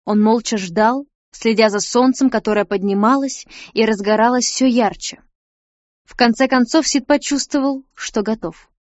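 A woman narrating a story aloud in a measured, storytelling manner. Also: fairly high pitch, a little mellow, dry recording. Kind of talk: audiobook narration. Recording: dry, dull lo-fi sound.

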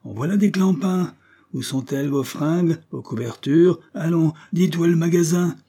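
A man voicing a gruff, bold old sea captain who barks orders in rough sailor slang. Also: medium pitch, animated, normal speed, mellow, pitched above the performer's own voice. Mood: gruff, bossy.

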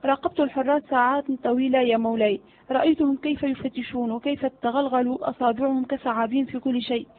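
A woman reading the part of a cunning male servant who flatters his master. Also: high voice, fast talker, lightly acted. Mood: sly. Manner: flattering, sly. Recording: phone-like narrow audio.

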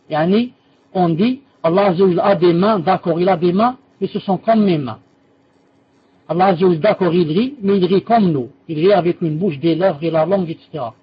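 A man's voice: high-pitched, slightly rough, no room sound, dull audio. A man teaching a religious lesson and answering students' questions, patiently repeating key terms and correcting himself as he explains.

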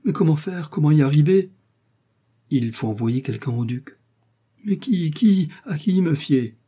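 A man lifts his voice into a desperate queen, high and strained, crying out in fear. The tone stays mellow and a little husky even at its peak, each plea anguished and urgent in an audiobook reading. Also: moderate pace, lightly acted. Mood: anxious. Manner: anguished, exclaiming pleas. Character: frightened desperate queen, a woman.

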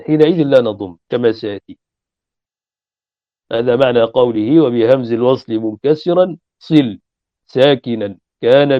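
A man's voice: mid-range voice, dry recording. A man teaching a lesson, explaining step by step, repeating his examples and asking rhetorical questions. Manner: chants verse lines slowly. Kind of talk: classroom lesson on Arabic morphology. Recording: dull, muffled lo-fi recording.

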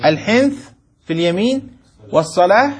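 Husky high-voiced man teaching a class. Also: lively intonation. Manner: asks the class questions and repeats points; chants rhyming lines slowly for dictation. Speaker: teacher of Islamic jurisprudence. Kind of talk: classroom lesson with dictation. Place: classroom with students.

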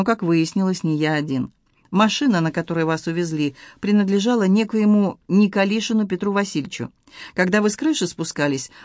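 A woman's voice: on the low side, a little mellow, no echo, clean studio sound, close to an everyday voice. A woman reading the lines of a guarded, wry man in an audiobook, matter-of-fact and slightly teasing.

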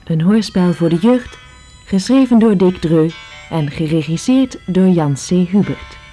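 A woman announcing the title and credits of a youth radio drama in a formal, measured way. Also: on the low side, expressive, dark tone, soft background music.

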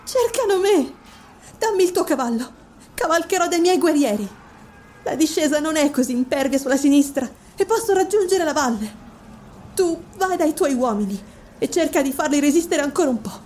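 A man's voice: very high voice, lively intonation, normal speed, darkish tone, slight background noise, pitched above the performer's own voice. A man voicing a proud young royal woman in an audiobook, imperious and demanding. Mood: commanding. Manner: imperious, pleading then commanding. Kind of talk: audiobook character voice.

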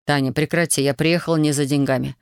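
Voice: medium pitch, fairly even intonation, brisk, clean tone, no echo, close to an everyday voice. A reader voicing a young soldier husband, earnest and remorseful, in a dry audiobook recording.

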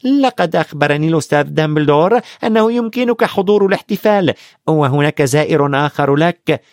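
A man voicing a brisk, strict school nurse in an audiobook, speaking in a firm and haughty way. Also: a little high, animated, no echo, clean studio sound, pitched above the performer's own voice. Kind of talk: audiobook character voice.

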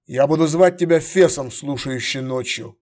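Male reader doing a cold curt emperor, firm commands, slightly high voice, audiobook. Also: darkish tone, natural voice. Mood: stern. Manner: curt, commanding, measured orders. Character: stern, commanding middle-aged male emperor.

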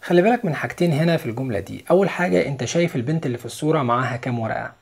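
Young Egyptian man, patient video English teacher, breathy voice, mid pitch. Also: animated, very fast, darkish tone. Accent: Egyptian Arabic. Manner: explains step by step, repeats each English word twice. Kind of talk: video lesson.

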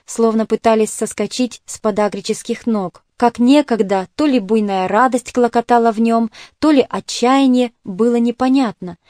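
A woman narrates a literary audiobook in a measured, expressive way. Her voice sits slightly high. It is recorded dry and close, with no room sound. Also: no echo.

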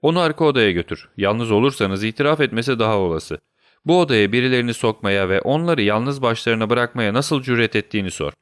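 A man voicing a sharp, commanding middle-aged detective who gives brisk orders in a storybook reading. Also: mid-range voice, expressive, clean tone, no echo, clean studio sound, close to an everyday voice. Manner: brisk and directive.

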